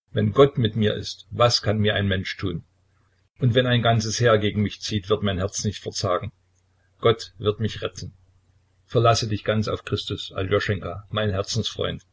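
A man voicing a pious older aunt of the royal family who urges and consoles with earnest firmness, in a husky voice. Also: fairly low pitch, fairly even intonation, normal speed. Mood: devout.

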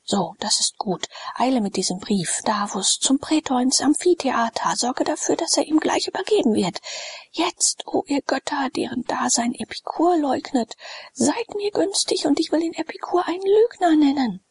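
A woman's voice: mid-range voice, animated, moderate pace, few pauses, husky, dry recording. A woman reading the part of a sleepy, world-weary Roman nobleman who talks in a half-whisper. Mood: urgent.

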